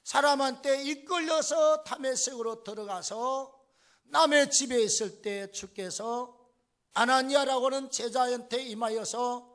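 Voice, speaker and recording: High-voiced man preaching slowly. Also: a bit bright. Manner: fervent, emphatic preaching. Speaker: pastor. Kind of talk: sermon.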